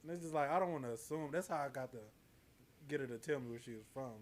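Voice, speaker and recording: A man's voice: mid-range voice, fast. A man co-hosting a podcast, telling stories animatedly and acting out the people he quotes. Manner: animated, acts out quoted voices. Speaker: podcast co-host. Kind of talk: casual chat, storytelling. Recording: faint background noise.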